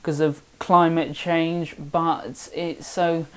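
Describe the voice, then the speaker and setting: A man's voice: a little high, flat delivery, takes it slowly, a bit bright, smooth. A seventeen-year-old young man from the south of England with a southern English accent, chatting casually and self-deprecatingly in a vlog voice-over. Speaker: woodworking vlogger. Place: home workshop.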